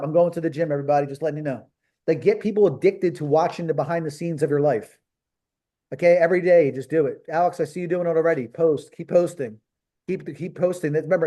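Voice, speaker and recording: A man's voice: fairly high pitch, warm tone. A man from Philadelphia, coaching on a call in a blunt, emphatic way that repeats points for stress. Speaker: business coach.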